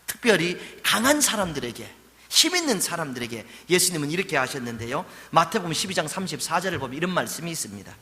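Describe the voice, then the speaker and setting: A male senior pastor preaching a sermon, swinging between loud rebukes and soft, gentle passages. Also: on the high side, very animated, fast. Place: large church sanctuary. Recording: church hall with long reverb.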